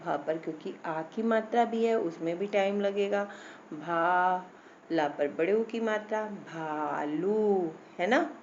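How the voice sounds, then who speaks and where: A woman's voice: mid-range voice, darkish tone, highs cut off, a little hiss or hum. A woman teaching a children's Hindi grammar lesson. She speaks patiently, draws out each syllable and often checks in with "है ना?". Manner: slow, patient, drawn-out syllables, frequent "है ना?".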